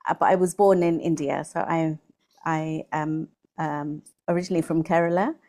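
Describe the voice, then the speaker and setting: Woman, 40s, dark mellow tone, interviewer, listening murmurs. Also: low-pitched, moderate pace. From England. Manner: warm interviewer with steady listening sounds. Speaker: online English tutor. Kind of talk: casual video-call interview.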